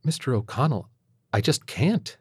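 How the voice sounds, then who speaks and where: A man's voice: medium pitch, big pitch swings, normal speed, darkish tone, slightly rough, dry recording, studio quality, voice pushed up. A man voicing a prim, passive-aggressive female kindergarten teacher with a sugary, condescending manner. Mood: sugary preachy. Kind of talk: audiobook character voice.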